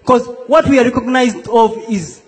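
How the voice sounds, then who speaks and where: A young South Sudanese man performs stand-up comedy on a stage in a large hall before a laughing audience, playfully acting out the people in his stories. His voice is very high and his speed normal.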